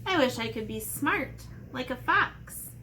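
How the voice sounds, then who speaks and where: Talking to children in a read-aloud and drawing lesson, this elementary art teacher keeps things simple, playful and step by step, with playful asides. Her voice is high-pitched, expressive and unhurried, bright and forceful, with slight background noise.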